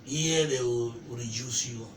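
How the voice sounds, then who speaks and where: Relaxed man from Zimbabwe, echoey room. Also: mid-range voice, takes it slowly. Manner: relaxed, chatty, addresses host as bro. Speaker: chef. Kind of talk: casual interview. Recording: echoey, distant, noisy.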